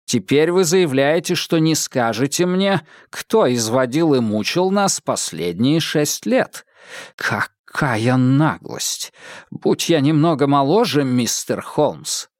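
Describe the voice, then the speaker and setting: A man's voice: mid-range voice, animated, unhurried, no echo, studio quality. A man voicing a proud, stiff elderly male historian in an audiobook, cutting and indignant.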